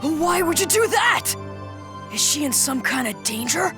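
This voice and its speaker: A woman voicing a spirited, earnest and determined young boy card fighter in an animated series. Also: high-pitched, a little slow, music in the background. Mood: curious, determined.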